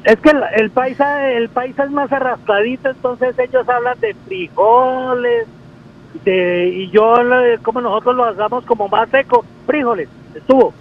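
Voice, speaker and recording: Chatty Colombian caller on a muffled line. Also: male voice, extremely high pitch. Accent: Colombian, Valle del Cauca. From Valle del Cauca, Colombia. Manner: chatty and agreeable, quick to confirm. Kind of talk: casual radio call-in chat. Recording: dull phone line with faint noise.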